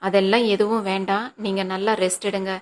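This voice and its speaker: An anxious young man pleads with his mother, earnest and firm, as a woman reads him in an audiobook. His lines come out flat and steady, with little rise and fall. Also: mid-range voice, a little fast, slight background noise, lightly acted. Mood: pleading.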